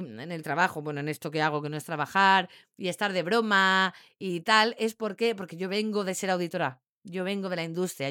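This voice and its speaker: A woman, a dog trainer explaining her methods in a casual, animated and jokey way. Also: on the low side, no echo, studio quality. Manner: animated and jokey, mimics barked commands.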